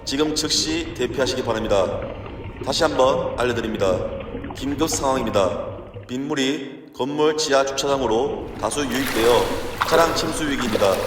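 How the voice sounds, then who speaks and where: A man making an urgent, formal evacuation announcement over a building's public address loudspeaker, repeating the warning. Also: mid-range voice, moderate pace. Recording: echoey loudspeaker heard from far off with noise.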